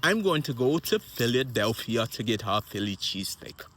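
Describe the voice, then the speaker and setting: A man's voice: mid-range voice, big pitch swings, moderate pace, a bit bright, slight background noise. A man who is a minister, talking in a rambling, repetitive motivational monologue about health and family. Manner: rambling and repetitive, with wandering asides.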